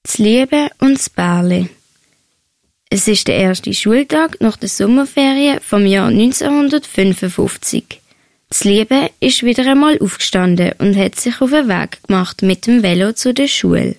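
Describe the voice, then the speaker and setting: A woman with a Swiss German accent calmly reading a short story aloud. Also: mid-range voice, measured pace, dry recording.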